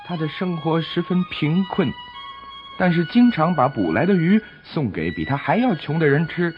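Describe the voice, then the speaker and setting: Brief: male children's storyteller, animated and slightly high, simple expressive delivery for little kids, music behind a lo-fi recording. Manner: expressive, simple explaining addressed to small children. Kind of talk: scripted storytelling narration for children.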